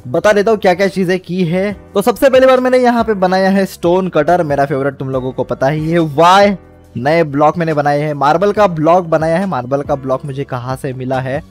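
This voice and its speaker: A man's voice: fairly high pitch, moderate pace, soft background music. Young male gamer narrating gameplay. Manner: explains step by step, mixes English words into speech. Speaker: gaming channel host. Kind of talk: casual gameplay commentary.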